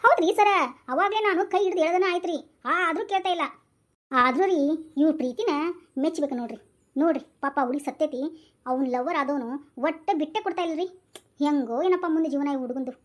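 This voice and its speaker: A woman's voice: high voice, quick pace, pauses often, close to an everyday voice. A woman playing a chatty, dim-witted male police constable in a comic skit, deferential to his boss, with a North Karnataka Kannada accent.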